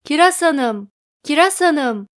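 A woman's voice: high voice, expressive, takes it slowly, voice pushed up. A woman doing a frantic plump husband. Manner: frantic shouting. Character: plump flustered middle-aged man, panicking.

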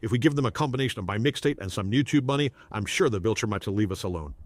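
A grave superhero father, played by a man, reads his plugs with a dead-serious face. His voice moves through a wide range of pitch, and the recording is close and dry. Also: expressive, very fast, no echo, natural voice. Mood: deadpan. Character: stern superhero dad shilling sponsorships. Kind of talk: parody skit voice acting.

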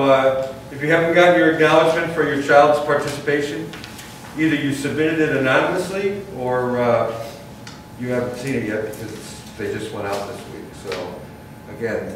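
A man's voice: medium pitch, background noise. A man on a village council giving a friendly, casual report with many fillers. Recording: echoey council chamber from far off.

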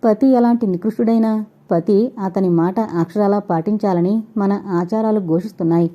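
A woman's voice: medium pitch, normal speed, lightly acted. A woman reading an earnest young lover. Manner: calm earnest reasoning. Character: earnest young man pleading his love. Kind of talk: audiobook character reading. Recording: dull lo-fi recording.

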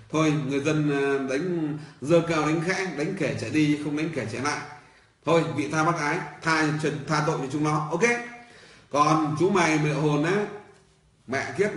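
A middle-aged man in an angry political rant, cursing and hammering the same points over and over. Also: on the high side. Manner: furious, profane, hammering repetition. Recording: roomy echo.

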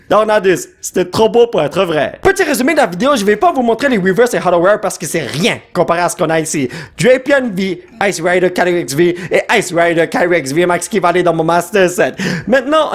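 A young man with a Quebec French accent, commenting excitedly as he opens trading card packs. He jumps into shouts, sprinkles in English slang, and his voice sounds strained from yelling. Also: high-pitched. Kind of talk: excited casual vlog commentary.

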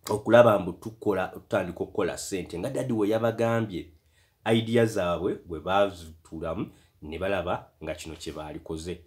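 A man's voice: deep voice, brisk. A man with a Ugandan accent retelling a book as storyteller, switching between reading and chatty asides. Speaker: storyteller and translator. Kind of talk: retelling a book in English and Luganda.

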